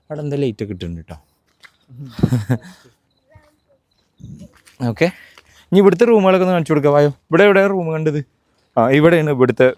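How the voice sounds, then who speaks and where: A vlog host with a Malayali accent and a voice on the high side, darkish in tone, leads a casual walking tour. He chats with viewers and companions in Malayalam laced with English words, and the recording has no echo.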